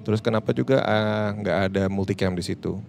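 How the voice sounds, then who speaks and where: A man's voice: lowish voice, gravelly. A man with a Jakarta accent, a podcast co-creator talking in a casual panel chat, slipping English phrases into his speech. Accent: Jakarta Indonesian. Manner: fast, animated, mixes in English phrases.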